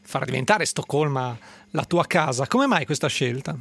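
A man hosting a radio program, interviewing guests in a lively, conversational way with an Italian accent. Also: medium pitch, normal speed, creaky, slightly rough. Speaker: radio host.

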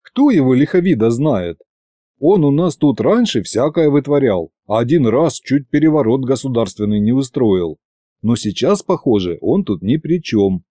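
A man narrating an audiobook with lively, wry storytelling. His voice is warm and swings freely in pitch. The recording is close and dry. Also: normal speed, no echo.

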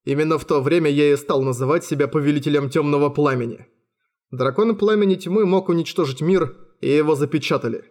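Expressive male audiobook narrator. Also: fairly high pitch, brisk. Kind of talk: amateur audiobook narration in first person.

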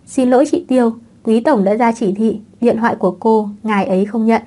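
A cold, formal secretary who answers the phone in clipped phrases, read by a woman. The voice is dark and mellow, in an audiobook novel. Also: fairly high pitch, fairly even intonation, fairly quick, close to an everyday voice.

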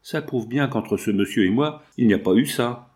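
A man's voice: medium pitch, moderate pace, darkish tone, close to an everyday voice. A man reading aloud, putting on the voice of a bold, cheeky red-haired young showgirl who scolds and teases. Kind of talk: audiobook reading.

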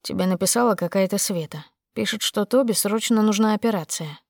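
A woman's voice: medium pitch, a little fast, creaky, no echo, studio quality. A woman voicing a cold, commanding young man. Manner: flat, curt, commanding. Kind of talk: audiobook character voicing.

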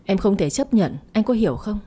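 A woman's voice: mid-range voice, lively intonation, fairly quick, dark tone, slightly rough. A woman reading as a reluctant young woman. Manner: frank, reluctant. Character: young woman, uneasy and firmly refusing.

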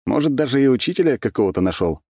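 A man's voice: mid-range voice, lively intonation, rapid-fire, darkish tone, no echo, voice pushed up. A man voicing a confident young prince in an audiobook, talking in a dry, commanding way. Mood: wry.

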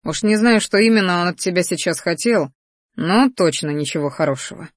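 A woman voicing a steady, serious young male student in a fantasy audiobook. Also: on the low side, fairly quick, no room sound, studio quality, natural voice.

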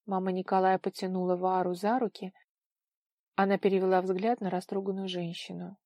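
A woman narrating a novel in a steady, expressive reading voice. Her pitch sits in the middle. The recording is close and dry, with no room sound. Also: fairly quick, dry recording. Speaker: audiobook narrator. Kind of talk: scripted narration.

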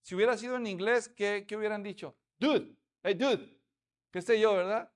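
Man preaching, fairly high voice, lively storytelling, puts on small voices for characters. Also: fast talker. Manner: animated storytelling, acts out voices of townspeople. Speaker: pastor. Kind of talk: sermon.

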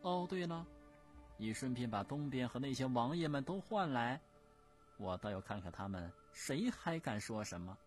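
A man voicing an imperious old Empress Dowager who scolds in a shrill, commanding voice. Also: big pitch swings, moderate pace, soft background music, lightly acted. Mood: pleased.

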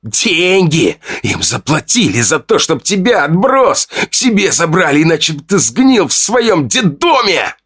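A man voicing a vicious teenage boy bully with a hoarse, spitting snarl. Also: on the high side, sing-song, a little slow, few pauses, a bit bright, pitched above the performer's own voice, exaggerated voice. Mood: snarling, taunting.

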